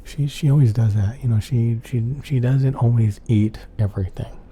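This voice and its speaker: A soft-spoken man rambling casually in an ASMR chat, often repeating himself. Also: medium pitch, moderate pace. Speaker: ASMR channel host. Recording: clear background noise.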